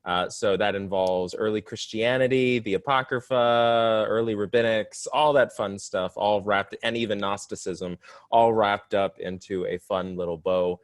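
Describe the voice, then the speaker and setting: A young man in his twenties, a divinity student guesting on a podcast, talks about his studies in a casual interview chat. His voice is fairly low with fairly even intonation and a slightly slow pace, articulate and lightly self-deprecating. The recording is dry and studio quality.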